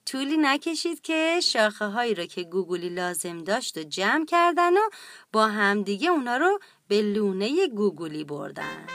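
A woman narrating a children's storybook in a gentle, expressive read-aloud way. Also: medium pitch, no echo, clean studio sound.

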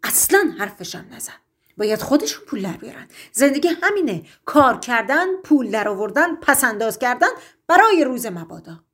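A woman voicing an angry father bear who shouts at his cubs in a storybook reading. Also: on the high side, sing-song. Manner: shouting, indignant.

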